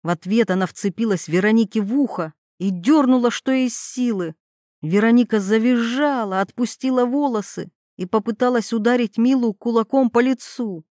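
A woman's voice: on the high side, moderate pace, darkish tone, no echo, clean studio sound. A woman narrating a dramatic story as an audiobook reader.

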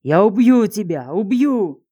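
A vicious imprisoned man, as a woman reader puts him on, spitting insults in a low, dark, snarling voice. He sounds brutal and full of rage throughout this audiobook scene. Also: measured pace, dry recording, muffled recording. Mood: raging. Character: brutal male jailed villain, furious and vicious.

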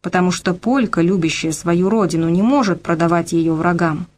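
A woman's voice: on the low side, moderate pace, a little mellow, natural voice. A woman reading an audiobook, voicing an earnest, persuasive male colonel in her own voice. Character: earnest middle-aged male Russian colonel.

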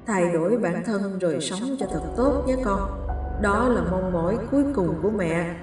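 A woman voicing the ghost of a frail old mother, speaking in a soft, faint, pleading murmur. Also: mid-range voice, animated, normal speed, heavy reverb, recorded from a distance, over music, natural voice. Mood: tender, grieving.

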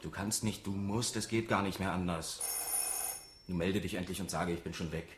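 The same radio-drama role, a scheming office auditor concealing a lottery win, is voiced by a man with a deep voice at a moderate pace, only lightly acted. He speaks conspiratorially and persuasively, coaxing and pushing, with roomy echo and faint noise in the background.

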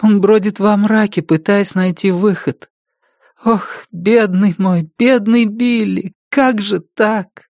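A frightened, tender woman, as a male narrator puts her on, her voice lifted high above his own and slowed as worry takes hold. The delivery is soft and close, with a faint gravel under it, in a dry, close-miked audiobook reading. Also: fairly even intonation, dry recording. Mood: anxious pity. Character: frightened tender woman fearing a friend is dying.

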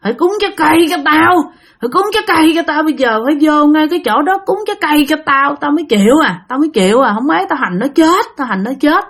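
A woman's voice: sits high, lively intonation, fast, a bit bright, voice pushed up. A woman voicing a fierce, growling old female spirit who has possessed someone and makes harsh, repeated demands. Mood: threatening. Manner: demanding, threatening, repetitive.

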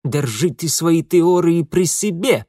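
A man's voice: fairly high pitch, animated, measured pace, no room sound, clean studio sound. Man voicing a huffy, snappish young nobleman. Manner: indignant, snappish. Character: prickly, huffy young nobleman, tied up and sulking.

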